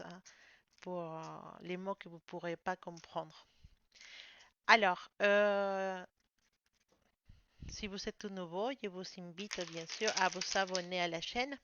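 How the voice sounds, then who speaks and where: Une voix de femme nette et posée, née hors de France, qui parle aimablement avec de nombreuses hésitations pendant un tirage de tarot. L'enregistrement est légèrement sourd. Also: female voice, lowish voice, fairly bright tone, clear, resonant tone. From outside France. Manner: apologetic, friendly, hesitant with many fillers. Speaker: tarot reader. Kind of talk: casual tarot reading to camera. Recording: slightly dull lo-fi sound.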